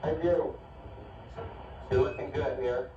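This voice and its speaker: A man's voice: mid-range voice, fairly even intonation, takes it slowly, mellow, distant mic. A man making clipped technical callouts over an archival space radio transmission. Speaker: spaceflight crew and mission radio operator. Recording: archival space radio, muffled, echoey, noisy.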